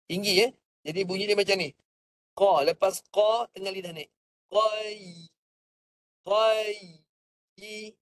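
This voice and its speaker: A man teaching Quran recitation. He explains each point calmly and sings the verses in a drawn-out chant for students to copy. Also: on the high side, slight background noise. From Malaysia. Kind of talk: slow patient recitation lesson. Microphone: online class microphone.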